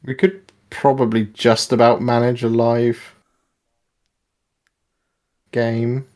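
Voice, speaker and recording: A man chatting as a guest on a hobby livestream, relaxed and agreeable. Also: mid-range voice, slow pace. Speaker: guest host. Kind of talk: casual hobby chat livestream.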